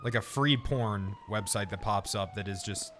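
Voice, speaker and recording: A man's voice: fairly low pitch, moderate pace, background noise. A man in his thirties, a streamer chatting casually and rambling through stories, swearing and laughing often. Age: 30s. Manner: profane, rambling storyteller who laughs often. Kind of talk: casual chat on a game stream.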